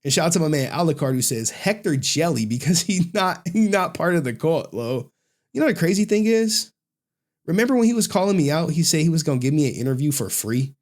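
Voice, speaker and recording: Animated American man doing mocking reaction commentary. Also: a little high, brisk. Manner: animated, repeats phrases for emphasis. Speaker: online commentator.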